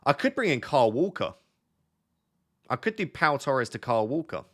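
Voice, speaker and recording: A young man with a blocked-up nose and nasal voice chats casually on a live stream, thinking aloud as he reads the chat. His voice is medium-pitched, sing-song and a bit bright, at normal speed.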